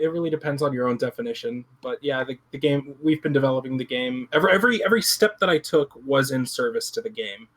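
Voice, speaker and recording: A man speaks as a guest on a casual podcast, in a middle-pitched voice. He thinks aloud, circling back and restarting sentences as he reflects. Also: fairly bright tone. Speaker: podcast guest, game project lead. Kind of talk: casual chat.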